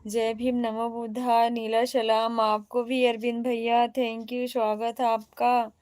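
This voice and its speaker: Woman streamer, Awadhi accent, higher voice, slow chatty delivery reading comments aloud. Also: level tone, a little mellow, no echo, studio quality. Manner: chatty, greets and answers viewers one by one. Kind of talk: casual livestream chat.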